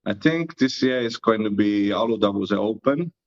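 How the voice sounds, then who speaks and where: This disc golf YouTuber, a guest with an Estonian accent, answers interview questions modestly and easily. His voice sits on the low side with lively intonation at a normal speed, and the audio is muffled and lo-fi.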